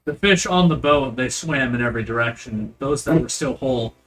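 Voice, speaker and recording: A man's voice: mid-range voice, a little fast, a crowd in the background, rough recording. A man with a mid-range voice runs a tabletop game. He improvises descriptive narration in a casual, storytelling way as game master.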